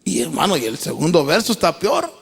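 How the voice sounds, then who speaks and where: Male pastor, high tenor voice, animated sermon delivery with call-and-refrain, reverberant sanctuary. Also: a little fast, gravelly, slightly rough. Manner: animated preaching, rising to high emphatic calls and repeated refrains. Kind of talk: preaching a sermon. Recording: reverberant church hall.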